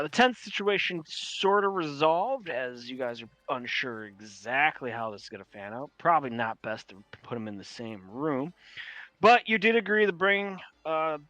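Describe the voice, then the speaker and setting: A man with a New York accent narrating a tabletop game as game master, with a halting, emphatic delivery. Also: mid-range voice, fairly bright tone, no echo, low-quality recording.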